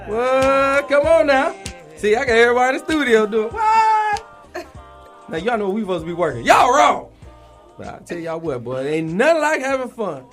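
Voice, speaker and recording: A man co-hosting a radio talk show, teasing and joking with his partner in the studio. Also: sits high. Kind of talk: casual radio banter.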